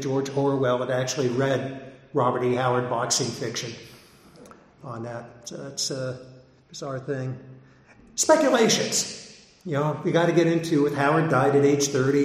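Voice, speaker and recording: A man's voice: mid-range voice, darkish tone. A man giving an informal talk to an audience as a pulp fiction collector and reprint editor, rambling and digressive with many hesitations. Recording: echoey hall with long reverb.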